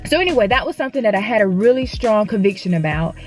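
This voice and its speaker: A woman's voice: mid-range voice, animated, fast, soft background music. Woman sharing a casual faith story. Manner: conversational, many restarts and fillers. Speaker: actress and faith vlogger. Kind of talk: casual personal testimony.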